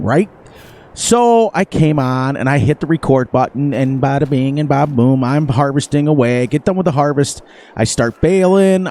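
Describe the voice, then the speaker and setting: In a medium-pitched, darkish voice, a man hosts a casual farming game playthrough for his gaming channel. His chat is playful and full of laughter, interrupted by sniffles from a runny nose.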